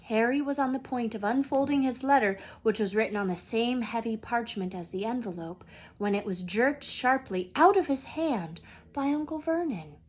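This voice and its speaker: A woman's voice: on the high side, moderate pace, husky. A woman reading a children's story aloud expressively, as a teacher would.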